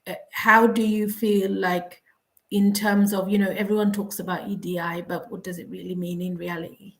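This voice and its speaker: Casting: woman host, mid-pitched, encouraging, hesitant, lots of fillers. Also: flat delivery, moderate pace. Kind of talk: casual interview questions. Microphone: video call.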